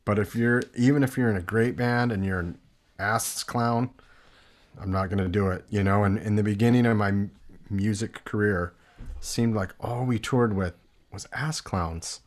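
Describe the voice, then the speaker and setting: A relaxed Californian man with a fairly low voice, telling stories in casual podcast talk. He laughs easily and keeps things loose and friendly. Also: normal speed. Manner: laid-back, laughs often. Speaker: guest musician.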